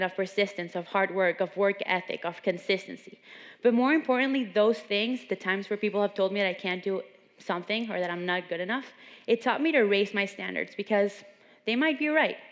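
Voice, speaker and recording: Seminar speaker: young woman from Venezuela, earnest storytelling, reverberant gym hall, mid pitch. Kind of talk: motivational talk. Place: large gym.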